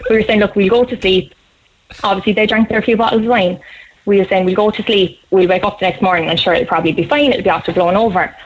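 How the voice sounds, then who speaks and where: Woman, twenties, Cork Irish accent, fast animated storytelling, slightly muffled radio sound, faint hiss. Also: medium pitch. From Cork, Ireland. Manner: quick, animated, laughs through the story. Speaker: guest storyteller.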